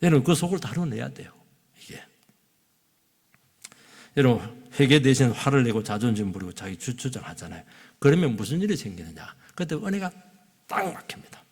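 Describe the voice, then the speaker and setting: A male pastor preaching a Sunday sermon, his husky, gravelly voice rising into loud exclamations and dropping to near-whispered asides. His pitch swings widely as he presses each point. The long reverb of a church hall trails behind every phrase. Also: big pitch swings, normal speed, pauses often. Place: church sanctuary.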